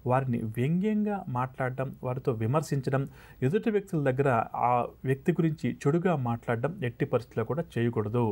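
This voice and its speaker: A man presents a television astrology segment in a TV studio, laying out remedies for viewers. He talks at a brisk clip in a steady, explanatory flow. His voice sits at an ordinary middle pitch. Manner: fast, steady explanatory delivery. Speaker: astrologer host.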